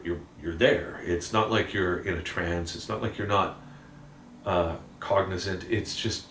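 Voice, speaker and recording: A man's voice: low voice, slight background noise. A man candidly reflecting in a casual, rambling monologue, swearing now and then. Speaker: musician vlogging an update. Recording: roomy, distant mic with faint ambience.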